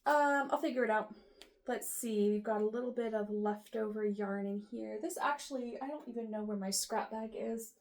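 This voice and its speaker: A woman's voice: fairly high pitch, normal speed. Musing woman with a morning voice. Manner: musing aloud, unsure, lots of ums and trailing off. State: rough morning voice with the odd cough. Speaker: knitting podcast host. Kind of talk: casual chat, sorting yarn on camera.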